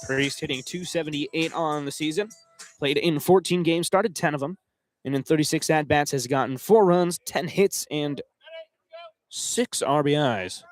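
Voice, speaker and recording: A man's voice: a little high, measured pace, dry recording, soft background music. Young man calling college baseball play-by-play. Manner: excitable, voice climbs on big plays. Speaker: play-by-play announcer.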